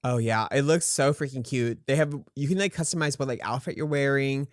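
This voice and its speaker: A man's voice: medium pitch, fairly quick, no room sound. Laid-back young man co-hosting, dry sound. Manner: relaxed, frequent "um" fillers, laughs easily. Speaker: podcast co-host. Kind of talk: casual chat.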